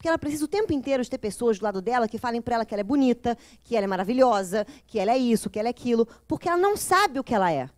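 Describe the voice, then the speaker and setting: A woman gives a spiritual lecture in a casual, joking way, firing rhetorical questions at her audience. Her voice sits a little high. The sound is close and dry. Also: lively intonation, racing, hardly any pauses, a little mellow, no echo. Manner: colloquial, humorous, full of rhetorical questions.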